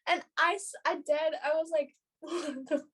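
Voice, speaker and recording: A young woman with a high, bright-pitched voice tells a story on a podcast. She gushes and tumbles over her words, dropping "like" everywhere and swearing freely. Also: moderate pace. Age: young adult. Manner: excitable, gushing, peppered with "like" and swearing. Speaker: podcast guest, pageant makeup artist. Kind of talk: casual storytelling.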